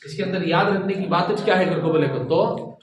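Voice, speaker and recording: A man's voice: high voice, fairly quick, crowd noise. Male teacher at the front of a classroom, patient and repetitive; very roomy echo. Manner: keeps checking that students follow; patient, repeats and models sounds. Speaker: Quran teacher. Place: classroom with students. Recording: echoey room, distant mic, faint noise.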